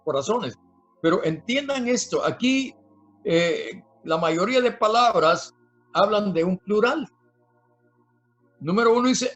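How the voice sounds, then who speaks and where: Male preacher, high voice, slow and halting, lots of fillers, faint music behind. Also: a bit bright. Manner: slow, halting delivery with many fillers and repeated words; dictates words slowly for listeners to write down. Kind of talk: sermon.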